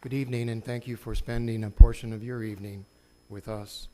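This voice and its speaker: A man's voice: lowish voice, level tone, brisk, mellow. A man speaking as a presiding judge, giving a formal address in a courtroom. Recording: faint hum and background noise.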